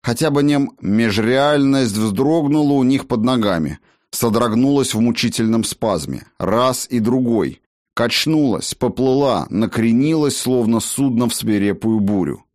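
A man narrating a fantasy audiobook in an expressive storytelling manner. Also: mid-range voice, a little slow, no room sound, studio quality.

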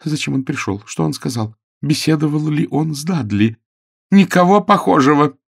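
A man's voice: on the high side, normal speed, vocal fry, a little mellow, slightly rough, voice pushed up. A man reading an audiobook voices a nervous, secretive young woman who talks in a flustered, pleading way. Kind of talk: audiobook character voice.

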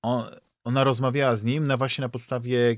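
Podcast co-host, man, mid-pitched, rambling casual chatter, dry close recording. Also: level tone, brisk, dry recording. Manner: rambling, many restarts and fillers. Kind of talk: casual chat.

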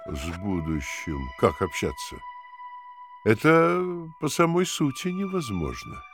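An actor voicing a cold male inner voice of doubt, slow and insistent, in an audio drama. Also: on the low side, sing-song, fairly bright tone, soft background music, heavily acted.

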